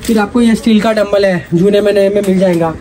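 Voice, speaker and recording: A man, giving a rapid, repetitive sales pitch while showing gear in a cluttered indoor shop, filmed close up. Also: fairly even intonation, background noise. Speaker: gym equipment seller.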